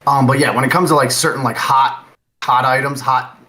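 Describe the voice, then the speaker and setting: A man's voice: medium pitch, steady tone, fairly quick, bright, forceful tone, low-quality recording. A man talking as a podcast guest in casual chat, rambling with lots of "like" and restarts. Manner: rambling, heavy use of "like" and restarts.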